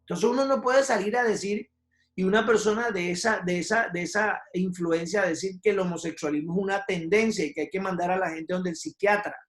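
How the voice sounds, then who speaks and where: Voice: mid-range voice, fairly quick. A preacher delivering a sermon to a congregation, emphatic and full of rhetorical questions and repeated checks for agreement. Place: church sanctuary. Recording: roomy church hall with faint music.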